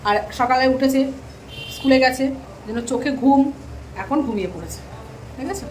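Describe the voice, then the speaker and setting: In her home kitchen and bedroom, a Bengali woman vlogger talks chattily to her viewers and scolds her daughter, with some light room noise. She speaks briskly in a slightly high voice. A slight hoarseness shows, as her throat has been rough lately.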